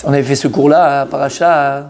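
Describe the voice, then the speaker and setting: In French, a man leads a Torah class as a lively teacher, quizzing his students, going back over key points and weaving in Hebrew terms. His voice is mid-range and quick, with a slight hiss or hum underneath.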